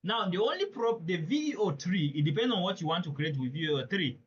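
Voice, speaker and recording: A webinar presenter teaching a live online session speaks in a somewhat high voice with lively intonation, talking fast, earnestly and emphatically. He often addresses questions directly to his listeners. The audio is dull and lo-fi like an online call, with a little hiss or hum.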